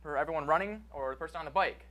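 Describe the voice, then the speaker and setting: A man's voice: fairly high pitch, very fast, fairly bright tone, slight background noise. A young man introducing a chemistry demonstration to schoolchildren, upbeat and asking them simple questions. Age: young adult. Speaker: science demonstrator. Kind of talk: introducing a demo to children. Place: TV studio stage with a child audience.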